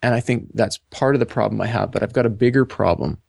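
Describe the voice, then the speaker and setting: A man co-hosting a podcast, talking through a book in halting, self-correcting speech and reading passages aloud. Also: lowish voice, vocal fry, a little mellow, slightly rough, no echo, studio quality. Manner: halting, repeats words, reads passages aloud. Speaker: podcast co-host. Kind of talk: casual book discussion.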